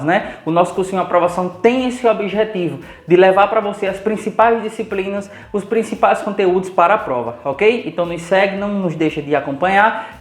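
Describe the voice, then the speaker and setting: A woman with a Brazilian Portuguese accent teaching an exam-prep grammar lesson, posing students' questions to herself and slowing down to spell out example words. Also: mid-range voice, reverberant. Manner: didactic, asks herself students' questions and answers them.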